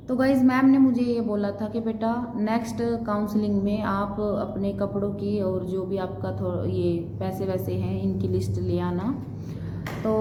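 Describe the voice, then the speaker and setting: A fairly high-voiced woman in her thirties tells her own story to the camera, earnest and repetitive as she goes back over what was said. The room around her rings with a long, echoing reverb, and a faint hiss sits underneath. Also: darkish tone. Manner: earnest, repetitive, quotes others' words. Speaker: vlogger. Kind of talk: emotional personal storytelling.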